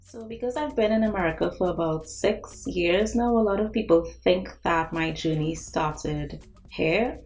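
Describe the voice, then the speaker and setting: A young woman talks straight to camera as the host of her own art vlog, earnest and personal with her viewers. Her voice sits a little low for a woman. Soft music plays faintly underneath. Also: measured pace, poor audio. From Trinidad and Tobago. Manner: earnest, speaks directly to viewers. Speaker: artist and channel host.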